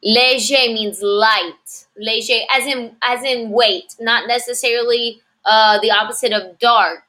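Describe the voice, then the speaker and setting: A woman teaching French adjectives, saying each word slowly and repeating it, then explaining in English. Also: fairly high pitch, fairly even intonation, sharp tone. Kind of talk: slow, clearly enunciated language lesson.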